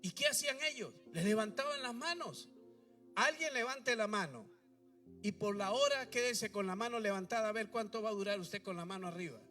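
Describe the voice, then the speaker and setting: High, bright-voiced pastor preaching. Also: male voice, lively intonation, moderate pace. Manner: preaching with rhetorical questions and call-and-response prompts. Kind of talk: sermon. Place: church. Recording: distant mic with faint music behind.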